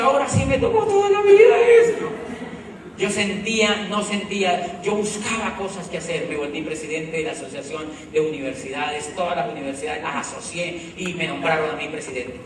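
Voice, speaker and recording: A middle-aged man telling a story to an audience in an animated way, repeating phrases for effect. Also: sits high. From Colombia. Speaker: motivational speaker. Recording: echoey hall, distant mic, background noise.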